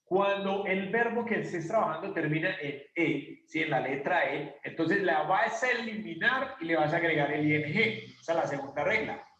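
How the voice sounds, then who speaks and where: High-voiced teacher in an echoey classroom. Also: male voice, moderate pace, few pauses, fairly bright tone, dull audio. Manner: patient, asks the class questions and answers them himself. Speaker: English teacher. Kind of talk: classroom lesson explaining grammar. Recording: echoey room, voice from a distance.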